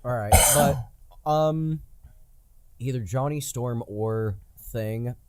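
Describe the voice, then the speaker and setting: A man hosting a podcast in casual chat, from the United States, rambling and swearing with excitable energy. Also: medium pitch, slow, clean tone, no echo, clean studio sound. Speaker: podcast host.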